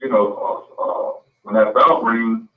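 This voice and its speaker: A man's voice: fairly low pitch, measured pace. A man calling in as a guest on speakerphone, sounding faint and far away, talking loosely with lots of fillers. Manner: loose, filler-heavy talk. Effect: faint, faraway speakerphone sound. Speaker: guest boxing commentator. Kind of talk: casual call-in chat. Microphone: phone on speakerphone. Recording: echoey, distant, dull remote call.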